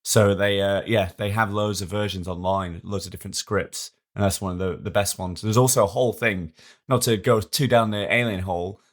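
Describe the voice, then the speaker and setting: A man's voice: lowish voice, steady tone, a little fast. A man co-hosting a podcast in casual, jokey, rambling chat. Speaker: podcast co-host.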